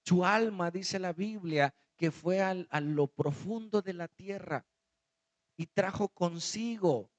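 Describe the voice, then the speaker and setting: A man's voice: high-pitched, slow pace. A man preaching a sermon as pastor. He calls out to the congregation and reads scripture with dramatic shifts in his voice. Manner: calls out to the congregation, asking them to follow along.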